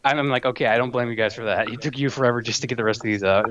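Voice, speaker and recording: Male podcast co-host, mid-pitched, rambling casual delivery, lo-fi dull mic. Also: very fast, background noise. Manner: rambling, laughs between thoughts. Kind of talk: casual late-night chat.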